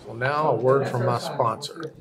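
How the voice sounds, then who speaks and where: A man's voice: medium pitch, fairly even intonation, normal speed, gravelly, loud music behind the voice. A man, chatting casually as he reviews food in a deli, folksy and savoring each bite. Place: indoor deli dining room.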